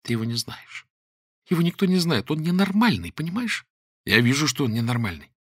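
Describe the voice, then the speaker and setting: A man voicing a frightened young woman who speaks high, hushed and anxious. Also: animated, fast talker, husky, no echo, clean studio sound.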